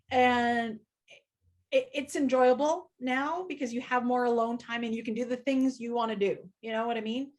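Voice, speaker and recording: A middle-aged woman in casual chat, agreeable and quick to laugh, with grown children. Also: on the high side. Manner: chatty, agreeable, laughs often. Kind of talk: casual chat among friends.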